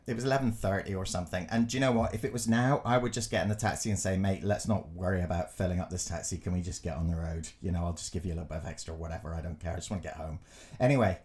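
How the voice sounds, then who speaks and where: Guy on a podcast, lowish voice, tells stories, does little voices, swears and laughs a lot. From Glasgow, Scotland. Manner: animated, acts out quotes, laughs often, swears. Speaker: podcast co-host and design teacher. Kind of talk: casual storytelling chat.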